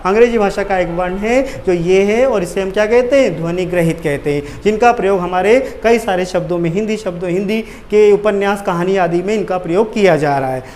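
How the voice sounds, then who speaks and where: A man's voice: high voice, fairly quick, hardly any pauses, darkish tone, slight background noise. A male teacher giving an exam-prep grammar lesson at a board, asking questions and answering them himself.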